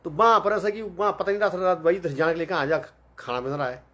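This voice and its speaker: A man's voice: sits high, fast talker, fairly bright tone, lo-fi sound. Man telling a rambling story. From Himachal Pradesh, India. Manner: rambling, many fillers and quoted dialogue. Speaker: vlogger. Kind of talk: casual storytelling monologue.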